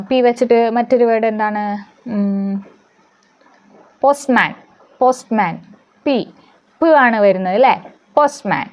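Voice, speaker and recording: A woman teaching English letter sounds, asking questions and answering them herself, repeating example words slowly. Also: on the high side, darkish tone. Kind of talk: phonics lesson.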